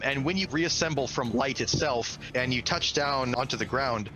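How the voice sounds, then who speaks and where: Background music and other noise accompany a game master narrating a tabletop game. He speaks at normal speed in a mid-range voice, with an enthusiastic, slangy, dramatic delivery.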